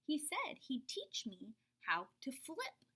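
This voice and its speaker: At a slow pace, a woman reads aloud from a children's picture book, full of expression. She lowers her voice to whispers for suspense and lifts it higher for the child's dialogue.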